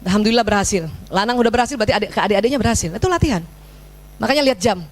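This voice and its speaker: A middle-aged woman with a mid-range voice races through a religious parenting lecture. She tells stories in an animated way and acts out dialogue with her child.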